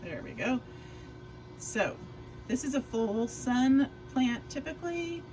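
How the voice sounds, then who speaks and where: A woman's voice: high-pitched, big pitch swings, slow, a little mellow, soft background music, low-quality recording. A woman chatting casually as she works in her garden outdoors, rambling with plenty of fillers. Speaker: garden vlogger. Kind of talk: casual chat.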